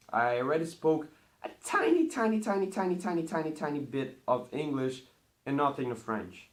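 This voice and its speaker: Speaking casually to his camera, a teen vlogger from Brazil who grew up with Portuguese rambles in a cheerful way. His pitch is ordinary, but his voice rises in volume and brightness whenever he begins another numbered item.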